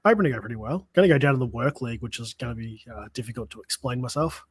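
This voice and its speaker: A man's voice: medium pitch, rapid-fire, husky, dry recording. A man, a guest numbers analyst, talking in an easygoing, slightly hesitant way. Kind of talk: casual chat.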